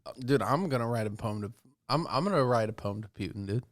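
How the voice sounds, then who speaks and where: A man's voice: mid-range voice, lively intonation, fast talker, dry recording. Laid-back podcast guy, dry sound. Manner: laid-back, says dude a lot. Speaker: podcast co-host. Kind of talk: casual chat.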